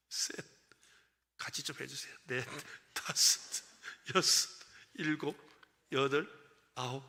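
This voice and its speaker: Male pastor, higher-pitched and very lively in pitch, leads call-and-response and acts out feelings. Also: gravelly. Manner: leads the congregation in counting and repeating phrases, acting out feelings. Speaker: senior pastor. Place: church service.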